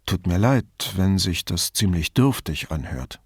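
A man reading an audiobook plays a reflective middle-aged police commissioner who talks in a measured, thoughtful way. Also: deep voice, animated, slightly rough, no echo, studio quality, full character voice.

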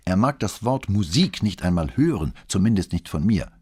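A man's voice: sits low, sing-song, normal speed, darkish tone, slightly rough, voice pushed up, heavily acted. A man reading an audiobook, voicing a polite, guarded teenage boy cadet.

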